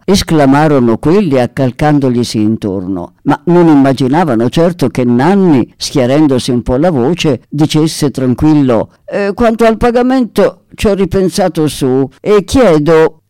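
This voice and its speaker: A man reading a tale aloud as a storyteller, with an expressive, dramatic delivery. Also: mid-range voice, no room sound. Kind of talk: scripted narration of a tale.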